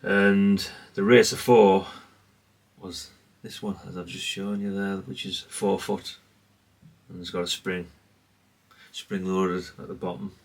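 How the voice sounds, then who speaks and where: A man with a low voice and level tone speaks slowly, sounding far from the microphone. He's a hobbyist presenter doing an improvised show-and-tell that rambles in a self-effacing, understated, casual way.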